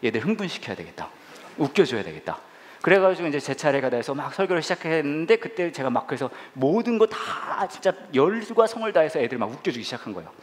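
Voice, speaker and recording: Animated male pastor telling funny stories. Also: on the high side, quick pace, hardly any pauses. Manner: animated, acts out voices in the story. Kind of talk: humorous sermon storytelling. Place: church hall.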